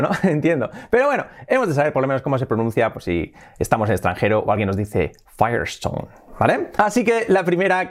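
A man from Spain with a Spanish accent, hosting a casual video lesson, animated and laughing often as he switches between Spanish and English. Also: medium pitch. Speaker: English teacher, channel host.

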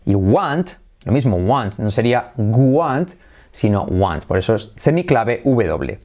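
A man teaching English in a bilingual lesson, drilling phrases slowly with lots of repetition and switching between Spanish and English. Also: lowish voice, big pitch swings, a little mellow.

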